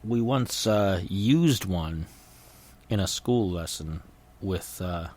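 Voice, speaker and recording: Man, middle-aged, low pitch, muffled clenched-teeth speech, jaw nearly shut, halting, casual rambling podcast talk. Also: animated, a little mellow. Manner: halting and hesitant, repeating words. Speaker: podcast host.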